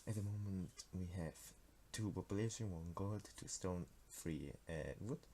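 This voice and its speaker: A teenage Swiss game developer with a Swiss German accent, native in Swiss German, casually talks through his card game in a screen-recorded devlog. His warm voice sits low and moves at normal speed, with a little hiss or hum in the recording. He's hesitant, with lots of fillers and restarts.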